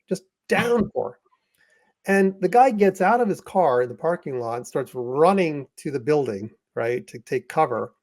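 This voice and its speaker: A man's voice: fairly high pitch, darkish tone, no echo. A man hosting an interview, telling a story with enthusiasm and plenty of fillers and restarts. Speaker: podcast host and author.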